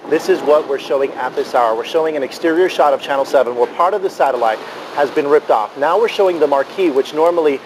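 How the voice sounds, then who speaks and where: A man's voice: fairly high pitch, fast talker, noisy background. A man anchoring live breaking news, questioning reporters and describing pictures for the audience.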